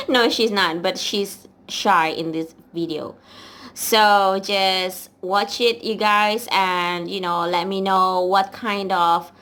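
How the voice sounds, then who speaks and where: A woman's voice: fairly low pitch, fairly bright tone. A woman hosting her channel, giving a casual, chatty intro that speaks straight to her viewers. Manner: chatty, addresses viewers directly. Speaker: channel host.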